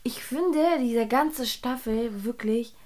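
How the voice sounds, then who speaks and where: A woman's voice: a little high, takes it slowly, a little mellow. A woman co-hosting a podcast, chatting in slang and dropping into whispered gossip asides. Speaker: podcast co-host. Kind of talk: casual gossip chat.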